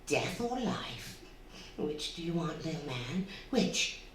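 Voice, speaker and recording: A woman playing a sinister, taunting undead female spirit in a radio drama, with a coaxing, theatrical, drawn-out delivery. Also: deep voice, very animated, full character voice. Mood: menacing. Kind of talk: stage radio drama acting. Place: theatre stage before a live audience. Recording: very echoey hall, distant, faint noise.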